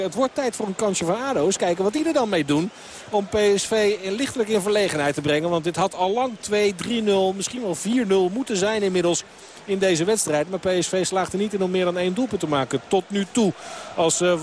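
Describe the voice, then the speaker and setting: On the radio, a man delivers live play-by-play football commentary, running on fluently with filler sounds. His voice sits high, and a little hiss or hum is audible.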